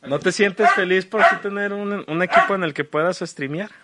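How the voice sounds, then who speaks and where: A man with a Mexican accent co-hosts a podcast, casually chatting and reviewing in an informal, slangy, sweary way, like a live stream. His voice is high, at normal speed, with heavy background noise.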